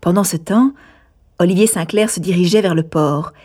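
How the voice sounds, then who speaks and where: Woman reading an old novel aloud, measured, mellow and a bit husky. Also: fairly low pitch. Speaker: audiobook narrator. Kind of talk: scripted narration of a classic novel.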